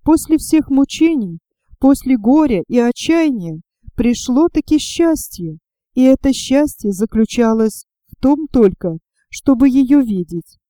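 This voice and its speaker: A woman reads a historical novel aloud as an audiobook narrator. Her voice sits fairly high yet has a very dark, mellow tone. She reads in a measured, expressive way with a dry, close sound. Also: dry recording.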